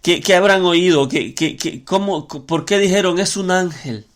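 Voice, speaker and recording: A man's voice: high-pitched, normal speed. A man preaching a podcast sermon, explaining scripture with frequent restarts and repeated words.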